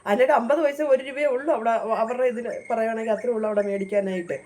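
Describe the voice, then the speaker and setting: Fast-talking woman telling a rambling personal story. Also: fairly high pitch, fairly even intonation, mellow. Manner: rambling, with frequent restarts and repeated phrases; earnest, emotional retelling. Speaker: vlogger recounting her past work abroad.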